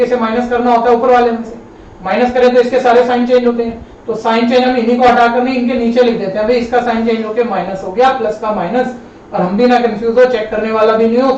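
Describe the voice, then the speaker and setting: A male maths teacher giving a live online lesson in a classroom, patient and repetitive, often calling his students kids and brother. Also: very high voice. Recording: roomy, distant, dull classroom sound with faint noise.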